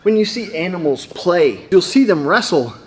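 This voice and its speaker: A young man hosting a casual vlog, talking in a playful, joking way with quick asides. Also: high-pitched, very animated, husky. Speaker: video host.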